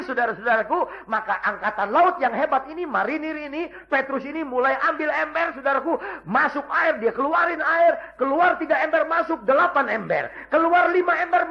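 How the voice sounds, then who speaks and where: A man preaching a lively sermon full of humorous stories, jumping from loud shouts to hushed asides and acting out the people he quotes. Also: very high voice. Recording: dull lo-fi recording.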